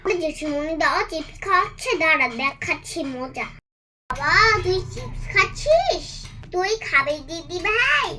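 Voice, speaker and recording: A woman's voice: very high voice, animated, a little slow. Woman doing a whiny little girl doll. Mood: bickering. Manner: whiny, pleading. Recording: distant with clear background noise.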